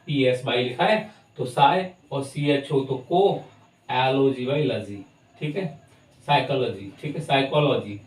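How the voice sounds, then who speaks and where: A man teaching English pronunciation, spelling words out letter by letter and then saying them slowly, with an Indian English accent. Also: fairly high pitch. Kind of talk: explaining lesson. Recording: echoey room, far from the mic.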